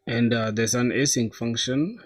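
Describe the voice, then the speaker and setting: Young man, from South Sudan, live coding stream, slangy, thinking aloud, mid-pitched. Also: a little slow. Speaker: coding livestreamer. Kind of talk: casual live coding commentary.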